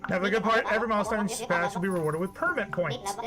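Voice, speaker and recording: A man's voice: high-pitched, quick pace, over loud music, lightly acted. A man voicing a cheerful female settler leader from a farming game, reading her dialogue aloud in a chatty, folksy, encouraging way. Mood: upbeat.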